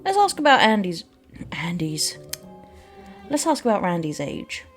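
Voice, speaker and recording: A woman's voice: medium pitch, wildly swooping pitch, a little fast, soft background music. A woman doing game playthrough commentary and reading the dialogue aloud as she plays.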